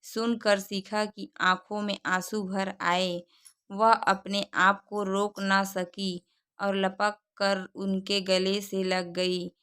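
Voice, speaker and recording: A woman narrates a short moral story in a calm, measured way. Her voice is bright and crisp, her pace slow. The tone stays fairly flat from line to line. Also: mid-range voice. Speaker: storyteller, channel host.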